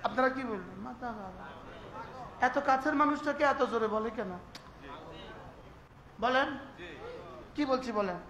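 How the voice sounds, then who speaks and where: High-voiced male preacher in an echoey space. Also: fairly bright tone. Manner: questions the crowd often, slow drawn-out chanting of prayers. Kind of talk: sermon. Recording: echoey with faint ambient noise.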